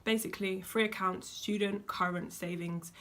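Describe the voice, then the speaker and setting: A woman's voice: mid-range voice, fairly even intonation, moderate pace, a bit bright. A young woman, giving chatty, emphatic money advice to her viewers with casual slang. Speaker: vlogger. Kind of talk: casual advice talk to camera.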